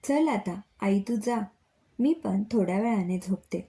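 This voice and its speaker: A woman's voice: mid-range voice, lively intonation, unhurried, dark tone. A woman voicing a caring young college student who pleads and hurries in a story reading.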